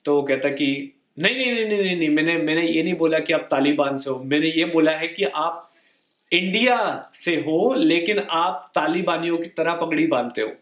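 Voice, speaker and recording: A man's voice: a little high, moderate pace, roomy sound. A young Indian man telling personal stories in a casual, conversational way, slipping English words into his speech and acting out the lines of the people in them. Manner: conversational, mixes in English words, acts out quoted dialogue. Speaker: vlogger. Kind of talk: personal storytelling to camera.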